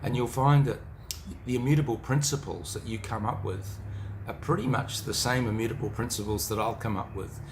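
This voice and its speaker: This is an informal motivational talk from a middle-aged man with a New Zealand accent, delivered briskly in a mid-range voice. He is reflective and speaks straight to whoever is listening, with slight background noise behind him.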